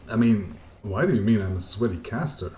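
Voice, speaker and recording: A man with a German accent commentating a live strategy game as caster, chatty and joking, lifting into excitement on the action. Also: fairly low pitch, fairly quick, echoey room, slight background noise. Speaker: esports caster.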